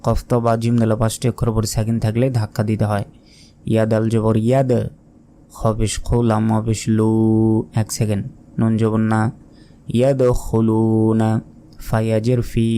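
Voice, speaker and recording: A man teaching Quran recitation, spelling out each letter and vowel mark before sounding the word slowly. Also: fairly low pitch, monotone, dark tone. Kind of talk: slow letter-by-letter recitation lesson.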